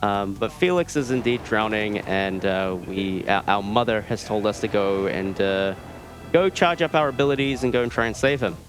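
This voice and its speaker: This man has a New Zealand accent and a lowish voice at a normal pace. He presents a speedrun live at a marathon event, offering laid-back, deadpan commentary while game music plays.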